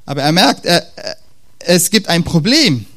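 A man preaching a sermon and retelling a Bible story in an animated, humorous way. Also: a little high, moderate pace.

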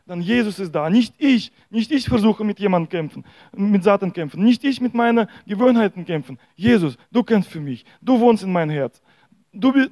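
A man preaching a sermon, telling a parable in a halting way with frequent hesitations. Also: high voice, darkish tone, no echo.

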